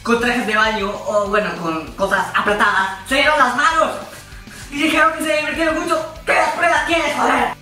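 A man voicing an excitable male fan who rants and shouts his argument. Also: extremely high pitch, normal speed, very echoey, far from the mic, soft background music, pitched above the performer's own voice, heavily acted. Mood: ranting. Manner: shouting, insistent. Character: excited male yuri fan, shrill and ranting.

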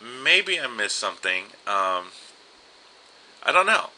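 A man's voice: mid-range voice, big pitch swings, slow, pushed and bright, poor audio. A young man casually commenting on an old adventure game and reading its text aloud. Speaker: let's play host.

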